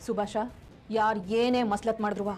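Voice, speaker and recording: An actress in a TV serial playing a scheming, power-hungry mother, forceful and gloating in her talk. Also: mid-range voice, steady tone, moderate pace, close to an everyday voice. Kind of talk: TV serial acting. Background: background music score.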